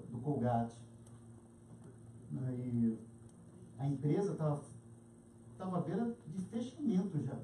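A Brazilian woman preaching a lively sermon, calling listeners dear and acting out little scenes. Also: low-pitched, slight background noise. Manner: animated, addresses listeners as "querido", acts out scenes. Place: church hall. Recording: roomy hall from far off.

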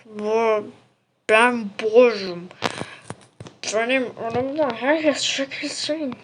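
A young man voicing a pushy bull brawler from a game who bellows orders to clear the way. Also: medium pitch, steady tone, slow pace, slight background noise, natural voice. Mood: bossy.

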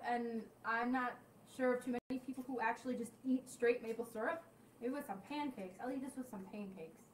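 Young woman, snack review vlog, casual candid chatter, higher voice, distant mic, echoey room. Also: a little hiss or hum. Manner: chatty, candid reactions while tasting. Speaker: snack tasting vlogger. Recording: roomy echo, voice off-mic.

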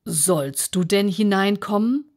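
A woman's voice: mid-range voice, takes it slowly, darkish tone. A woman reading an audiobook aloud and voicing an aloof male footman who drawls his replies.

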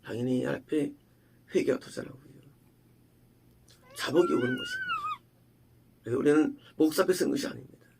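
A male pastor giving an emphatic sermon, asking rhetorical questions and swinging between loud and hushed delivery. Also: on the high side, huge pitch swings, a little fast, gravelly, long pauses, a little hiss or hum.

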